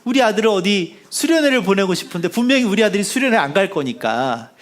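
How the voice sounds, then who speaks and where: Guy pastor preaching, high voice, really animated, swings all over, acts out the story, goes quiet and soft at the end. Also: fast talker. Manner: drops to a hushed, soft delivery when closing. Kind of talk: sermon.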